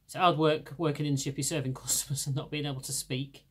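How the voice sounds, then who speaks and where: Chatting casually as a podcast host, this middle-aged woman from England speaks with a Lancashire accent and talks fast in a steady tone. Laryngitis has left her naturally deep voice hoarse, and she wanders through her points with frequent restarts.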